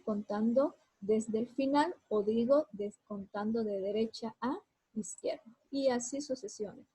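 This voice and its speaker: A woman's voice: on the high side, mellow, breathy edge, low-quality recording. A woman teacher giving a lesson, explaining each step and talking straight to her students. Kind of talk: classroom lesson.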